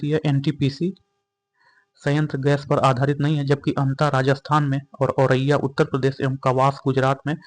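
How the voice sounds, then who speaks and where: Young male tutor, flat even delivery, repeats each answer methodically. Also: mid-range voice. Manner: steady, repetitive explanations, restating each answer. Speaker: exam-prep teacher. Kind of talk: explaining exam questions and answers.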